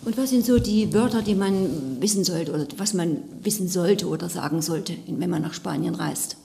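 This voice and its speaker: A woman's voice: lowish voice, moderate pace, creaky, warm tone. Woman interviewer in a reverberant room. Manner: encouraging, affirming with short backchannels. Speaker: radio interviewer. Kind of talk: casual interview.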